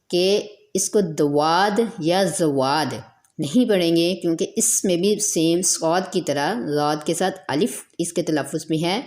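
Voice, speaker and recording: A woman teaching recitation in a patient, explanatory way, going back over each point. Her voice sits a little low for a woman. She stretches the letter sounds out long to show how they should be said. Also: darkish tone. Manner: repeats points, draws out letter sounds as models.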